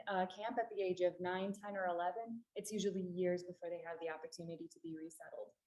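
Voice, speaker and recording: A woman of middle pitch gives an earnest, explanatory public talk, pressing hard on the points that matter most. Her voice carries the bounce of an echoey meeting room. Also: dark tone. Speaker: refugee services staff presenter. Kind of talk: public talk to a library audience.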